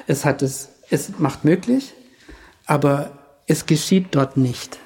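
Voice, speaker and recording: A man with a dark, mellow voice talks through history in a loose, conversational way. He hesitates often, restarts sentences and adds speculative asides as he thinks aloud. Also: on the high side, slow. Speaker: historian guest.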